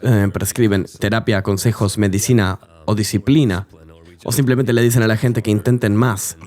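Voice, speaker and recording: A man's voice: medium pitch, darkish tone. A man telling his testimony earnestly as an interview guest, in a dubbed voice-over of an interview.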